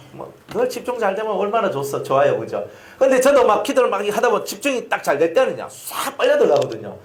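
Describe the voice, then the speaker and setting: A male pastor with a Gyeongsang accent preaches in a lively, sing-song voice that leaps up and down. He tells his stories with sound effects and keeps putting questions to the congregation. His voice echoes through a roomy hall. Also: sits high. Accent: Gyeongsang Korean. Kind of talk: sermon.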